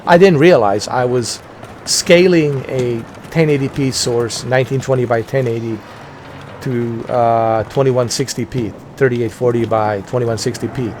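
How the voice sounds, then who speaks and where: A man's voice: medium pitch, fairly even intonation, a little slow, darkish tone. Male gaming commentator: casual, repetitive explainer, mid-range voice, slight game noise underneath. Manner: repetitive, circling back over points. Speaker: gaming video host. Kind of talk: casual gameplay commentary, explaining technical details. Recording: faint game noise behind the voice.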